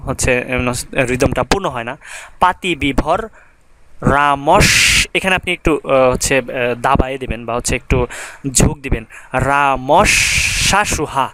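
A man's voice: a little high, a bit bright, a little hiss or hum. A young man teaching grammar in a casual, conversational lecture, with many fillers and rhythmic recitation of word lists.

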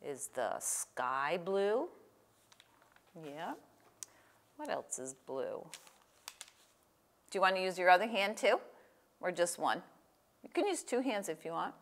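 In a lower-than-average, sing-song voice, an older woman speaks slowly and pauses often while reading aloud and helping a young child with a craft. Her phrases and questions are simple and encouraging. The setting is a small indoor room with a table, and she wears a lapel mic.

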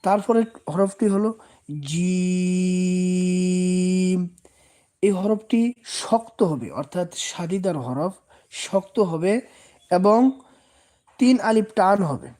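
Slow, mellow Bangladeshi man teaching letters. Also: high-pitched. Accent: Bangladeshi Bengali. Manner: patient, repeats each letter and draws out sounds. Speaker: Quran teacher. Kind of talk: slow step-by-step recitation lesson.

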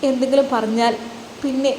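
A woman's voice: high-pitched, fairly even intonation, fairly quick, mellow, echoey room, in a large hall, slight background noise, voice pushed up, close to an everyday voice, poor audio. A woman voicing a frightened young pregnant wife who pleads tearfully with her husband. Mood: pleading fearful.

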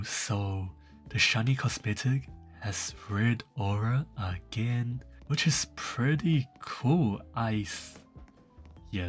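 Casting note: young male gaming host, low voice, unhurried rambling commentary over faint music. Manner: laid-back, rambling with fillers. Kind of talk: casual game showcase commentary. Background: faint background music.

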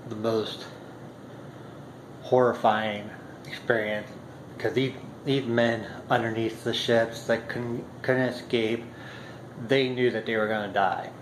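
A man's voice: on the low side, slight background noise. A man in his thirties, talking unscripted to the camera about history at home, hesitant with many ums and restarts. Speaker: history vlogger. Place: home kitchen indoors. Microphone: built-in camera mic at arm's length. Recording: roomy kitchen echo, faint ambience.

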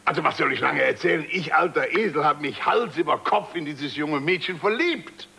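A man's voice: on the high side, moderate pace, vocal fry, sharp tone, husky, exaggerated voice. An actor playing a boastful middle-aged man who can't swim, telling a tale sheepishly and dramatically in a 1960s comedy record. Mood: fond. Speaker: comic storyteller.

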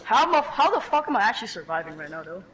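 A man's voice: high voice, big pitch swings, fast talker, fairly bright tone, far from the mic, lo-fi sound, a little hiss or hum. A man gaming and chatting casually, frantic and swearing a lot as he plays. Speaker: gamer.

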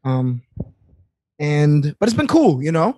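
A man, co-hosting a casual podcast chat, joking and animated. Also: a little high, slow, slight background noise. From New York, Queens. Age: 30s. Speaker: podcast co-host.

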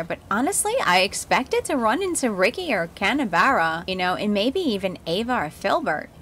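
A woman giving casual, chatty gameplay commentary as a video creator, excitable and prone to squeals of delight. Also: mid-range voice, slight background noise. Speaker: gaming YouTuber.

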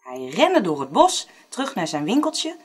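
Expressive woman storyteller with lively pitch. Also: moderate pace. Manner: expressive, dramatic. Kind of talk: storybook narration for children.

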